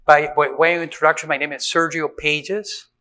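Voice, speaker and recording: A man's voice: a little high, level tone, moderate pace, pushed and bright. A middle-aged man from Venezuela giving a conversational conference talk to facility managers, with frequent fillers and restarts. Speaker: conference speaker on building maintenance. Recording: reverberant hall.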